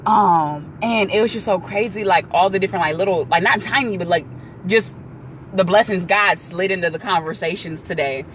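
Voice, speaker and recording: A young woman, chatting excitedly in a casual live video about her church class and business, full of likes and ums. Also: fairly low pitch, moderate pace, slight background noise.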